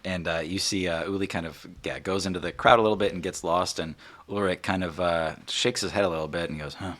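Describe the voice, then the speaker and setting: Deep, bright-voiced man running a game. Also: fairly even intonation, fairly quick. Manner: casual, many fillers. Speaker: game master. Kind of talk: narrating a tabletop game.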